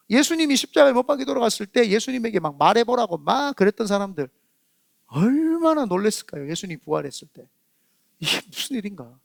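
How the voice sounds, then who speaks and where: A man preaching a Sunday sermon as pastor, acting out people's inner thoughts in lively quoted asides. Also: high-pitched, vocal fry, dry recording, clean studio sound. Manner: animated preaching, acts out inner voices of listeners. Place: church sanctuary.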